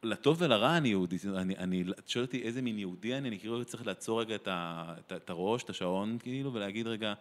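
A man from Israel, a translator and theatre director, talking thoughtfully in an interview, often restarting his sentences. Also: fairly low pitch. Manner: thoughtful, with many restarts and pauses. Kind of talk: reflective interview conversation.

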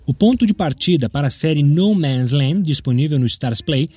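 A man's voice: on the high side, lively intonation, normal speed, dark tone, breathy edge, no echo. A man with a Brazilian accent reading scripted news narration as a presenter.

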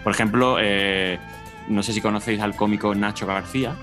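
Low-voiced rambling male co-host. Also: fairly even intonation, moderate pace, music in the background. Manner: rambling, laughs mid-sentence. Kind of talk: casual chat.

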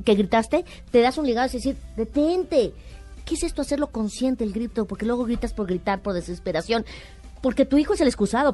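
A Mexican woman, a guest author, giving emphatic parenting advice with lots of rhetorical questions. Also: fairly high pitch. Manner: animated, preachy, rhetorical questions.

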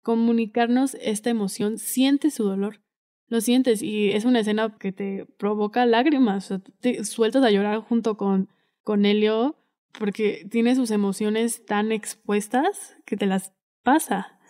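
A woman's voice: medium pitch, fairly even intonation, unhurried, dark tone. A woman co-hosting a podcast in casual film discussion, speaking earnestly and with feeling. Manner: earnest and emotive, quotes dialogue expressively. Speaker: podcast co-host.

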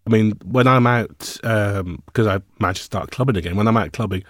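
Reflective fifty-something man, low dry voice. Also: fairly quick, dry recording. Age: 50s. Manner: reflective, animated, rambling with fillers. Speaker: musician guest. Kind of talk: interview conversation.

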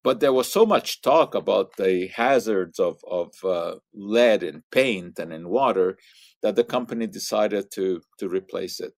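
Older man explaining science, low voice. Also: animated, unhurried, creaky, dry recording, clean studio sound. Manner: explanatory, with frequent "uh" and repeated words. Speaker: science commentator. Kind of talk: educational monologue.

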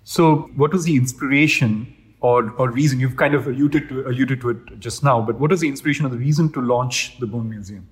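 A man interviews his guest as a journalist, talking quickly. He rambles as he frames his questions, often repeating words before getting to the point. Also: medium pitch.

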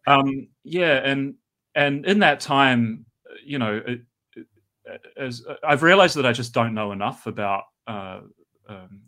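Bright-toned New Zealand man, hesitant. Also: medium pitch, measured pace. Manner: hesitant, many ums and restarts. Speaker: guest scholar. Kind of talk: casual podcast conversation.

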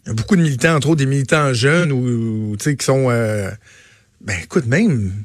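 A man's voice: medium pitch, brisk, no echo, clean studio sound. A man in his thirties with a Quebec French accent, hosting casual talk radio and often repeating words as he thinks. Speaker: radio host.

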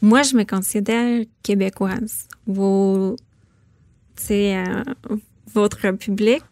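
A woman's voice: mid-range voice, fairly even intonation, takes it slowly, a little mellow, dry recording. A woman from Saskatchewan, a guest author in a radio interview, talking thoughtfully with many hesitations. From Saskatchewan, Canada.

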